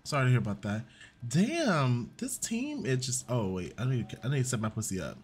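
A man's voice: mid-range voice, big pitch swings, a little fast. A man streaming a game live, chatting casually, greeting viewers and swearing freely while he plays.

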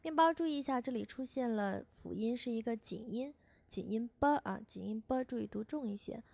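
A woman teaching a beginner language lesson as a voice-over, patiently repeating each sound slowly for learners. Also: a little high, creaky, darkish tone.

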